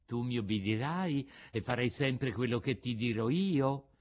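A man voicing a gentle, patient motherly fairy woman in a storybook reading, soft, measured and admonishing. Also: mid-range voice, expressive.

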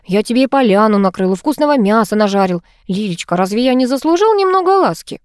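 A woman's voice: a little high, expressive, fast talker, darkish tone, clear, resonant tone, no room sound, clean studio sound, lightly acted. Woman reading as a joking thirty-something man, Dima. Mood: cajoling. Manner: cajoling, good-humoured.

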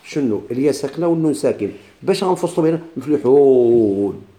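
A man with a Moroccan Arabic accent teaching a recitation class. He asks the class questions, answers them himself, and repeats words slowly with many restarts. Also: mid-range voice, expressive, mellow. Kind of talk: classroom lesson explaining a text.

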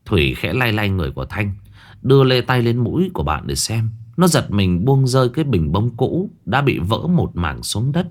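A man narrating a ghost story in a dramatic, expressive reading. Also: fairly low pitch, moderate pace.

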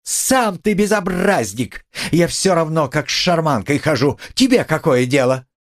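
A man voicing a proud, desperate poor widow woman who talks in a shrill, haughty way and screams. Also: animated, measured pace. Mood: frantic shrieking.

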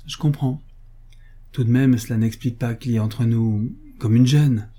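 Audiobook: man voicing an earnest young soldier, dark and husky. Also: mid-range voice, steady tone, normal speed, lightly acted.

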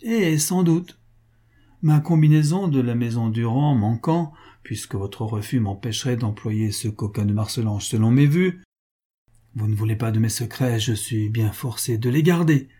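A man's voice: mid-range voice, moderate pace, dark tone, slightly rough, close to an everyday voice. A man voicing a cynical wealthy male financier who coaxes with false affection and cold insistence. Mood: wheedling. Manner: wheedling, mock-jovial, coldly insistent.

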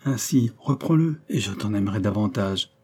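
A man's voice: lowish voice, lively intonation, moderate pace, a little mellow, husky. A man voicing an earnest old general. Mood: tender. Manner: raises voice above the narration, earnest. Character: aging count, a general, gentle and emotional.

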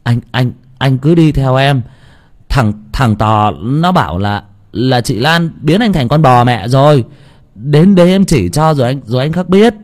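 A man's voice: medium pitch, animated, a little slow, lightly acted. A man voicing a frightened village boy who stammers and panics. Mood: panicked.

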